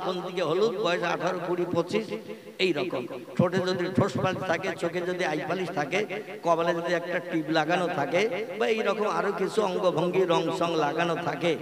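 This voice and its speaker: A man preaching a sermon to a big gathering, joking and quizzing the listeners. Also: high voice. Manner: humorous, questions the crowd. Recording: echoey hall, crowd noise.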